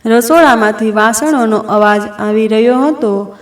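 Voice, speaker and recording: A woman narrating a family story in a steady, expressive scripted style. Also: fairly high pitch, a little slow. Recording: roomy echo.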